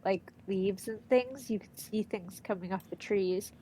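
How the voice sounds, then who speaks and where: A let's play streamer with an allergy-stuffed nose chats casually while playing, excitedly reading the game's text aloud. Her mid-range voice moves at a measured pace. The recording is rough, with slight background noise.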